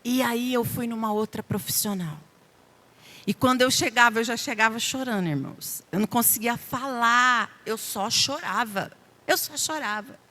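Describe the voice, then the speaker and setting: Earnest Brazilian woman preaching, slightly high voice. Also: normal speed, bright, forceful tone. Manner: earnest, emotional, repeats phrases for emphasis; addresses the congregation directly. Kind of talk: Mother's Day sermon testimony. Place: church.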